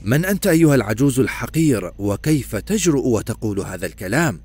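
A man voicing a hot-tempered, fearless male knight who speaks in loud, angry bursts. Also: medium pitch, sing-song, quick pace. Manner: angry, shouting in defiance.

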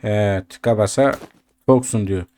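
A man's voice: fairly low pitch, unhurried, dark tone, slight background noise. Guy doing casual lets-play commentary, talks to his viewers, keeps grumbling and cussing at the game. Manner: chatty, addresses viewers, grumbles and swears at the game. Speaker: gaming YouTuber.

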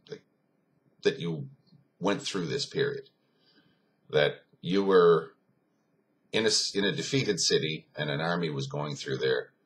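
A man's voice: very deep voice, fairly bright tone. A man giving an informal philosophy talk, telling a story with emphasis, many fillers and a rambling flow.

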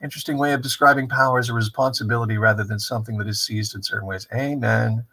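A man in his fifties with a husky voice gives an informal online lecture in a rambling, reflective, professorial way. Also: mid-range voice, steady tone, fast talker, sharp tone. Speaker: theater director giving a talk. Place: small room with brick wall and window, indoors.

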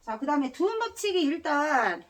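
Lively, high-voiced woman teaching grammar. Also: fairly quick, recorded from a distance. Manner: drills students with repeated questions; casual slangy asides. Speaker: Korean language teacher. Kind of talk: classroom lecture.

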